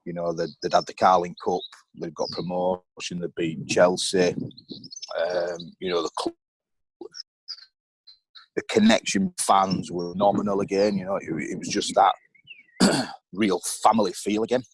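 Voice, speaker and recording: A man's voice: low-pitched, little pitch movement, a little slow, long pauses, a little hiss or hum, rough recording. A middle-aged man, a former footballer and board member, candidly telling stories as a podcast guest, rambling with lots of ums and you knows.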